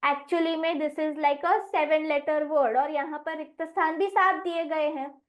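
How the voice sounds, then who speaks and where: A woman teacher giving an online lesson, saying each word slowly and spelling it out letter by letter. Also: sits high, steady tone, highs cut off. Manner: slow, deliberate, spells words out letter by letter. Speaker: English teacher.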